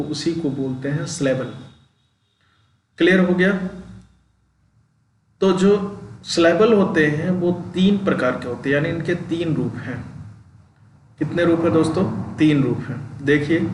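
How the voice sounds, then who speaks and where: Male teacher, slow patient exam-prep lesson, distant mic. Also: a little high, a little hiss or hum. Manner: slow, repeats terms and checks understanding. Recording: echoey room, voice off-mic.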